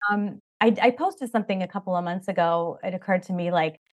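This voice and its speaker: A woman's voice: on the low side, quick pace. A middle-aged woman talking as a podcast guest in an enthusiastic, rambling way, full of "like" and "you know.". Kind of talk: casual interview chat.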